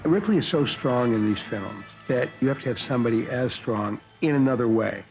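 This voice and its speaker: Man, creaky voice, interview commentary, music underneath. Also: mid-range voice, animated, a little fast, a little mellow, poor audio. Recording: music behind the voice.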